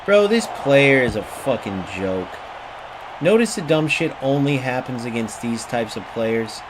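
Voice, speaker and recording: Expressive and a little slow, a man's medium-pitched voice narrates his streamed football game, heaping profane trash-talk on his opponents. Clear background noise runs through the clip.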